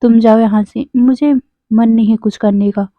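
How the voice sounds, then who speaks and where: A woman's voice: fairly high pitch, steady tone, moderate pace, dry recording, close to an everyday voice. A woman doing a curt, snapping young father. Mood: irritated. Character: irritable young father, sharp and dismissive. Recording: dry, phone-like narrow sound.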